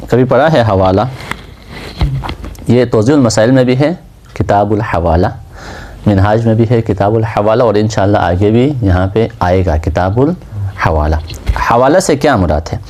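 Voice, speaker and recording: Lively-voiced male seminary lecturer. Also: lowish voice, pauses often, slight background noise. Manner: asks questions and answers them himself. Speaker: seminary teacher. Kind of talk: classroom lecture on Islamic law.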